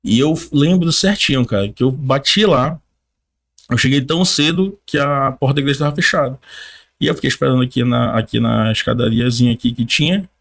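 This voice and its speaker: A man on a podcast giving his personal faith testimony in casual conversation, a lively storyteller who acts out what others said, with informal slang. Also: mid-range voice, brisk, gravelly. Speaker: podcast guest.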